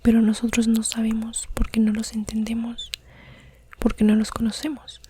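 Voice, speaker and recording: Woman whispering under her breath, asmr podcast monologue, mellow and pretty flat, bit of background noise. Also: fairly high pitch, normal speed. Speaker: podcast host.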